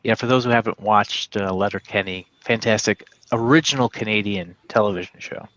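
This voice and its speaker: A man's voice: lowish voice, brisk, a bit bright, no echo. A man co-hosts a tech livestream from a video call, his talk loose, casual and lightly self-deprecating. The sound is dry and a little dull, as though from a basic headset or laptop mic. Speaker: co-host.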